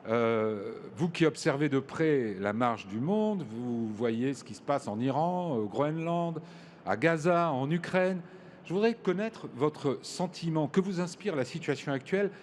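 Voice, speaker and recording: A man moderating a panel discussion, giving formal, measured introductions to his guests. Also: fairly high pitch, expressive, darkish tone, slight background noise. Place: large hall at a public event.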